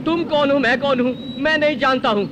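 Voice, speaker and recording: A cheeky young rogue who talks his way out of everything. His voice sits very high, with glib and melodramatic wisecracks, and a loud film score plays behind him. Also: brisk, dull audio, loud music behind the voice. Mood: pleading. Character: cheeky young man, comic schemer. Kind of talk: Hindi film dub.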